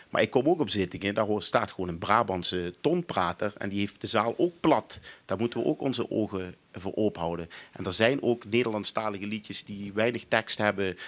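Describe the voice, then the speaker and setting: A man's voice: fairly low pitch, fairly bright tone. A man giving his view in a casual panel discussion.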